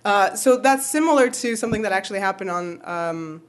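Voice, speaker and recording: A woman co-hosting a casual fan podcast, talking in an animated way with quick asides and frequent laughs. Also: mid-range voice. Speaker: podcast co-host.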